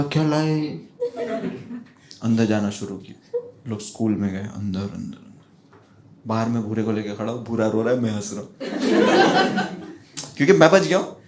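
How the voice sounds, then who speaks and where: A man doing stand-up, telling a childhood story in an animated way and acting out his friends' voices. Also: medium pitch, a little hiss or hum. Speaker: stand-up comedian.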